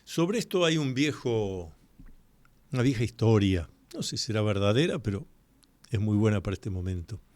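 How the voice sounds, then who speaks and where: Male radio host, explanatory and direct, mid-pitched, dry close studio mic. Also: expressive, darkish tone, no room sound. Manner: explanatory, addresses listeners directly, repeats key points slowly. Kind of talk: live radio talk on psychology. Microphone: studio microphone.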